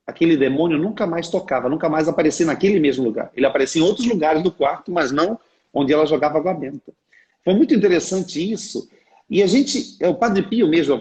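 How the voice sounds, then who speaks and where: Earnest Brazilian man with a high voice. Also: darkish tone, low-quality recording. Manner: earnest storytelling, often asks "né?". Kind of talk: preaching on a livestream. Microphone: livestream setup.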